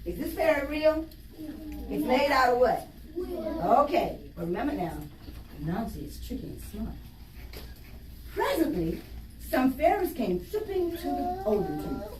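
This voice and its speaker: A woman's voice: mid-range voice, darkish tone. A woman reading a story aloud to young children, stopping to explain it in simple words and ask them questions. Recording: roomy, distant mic, faint noise.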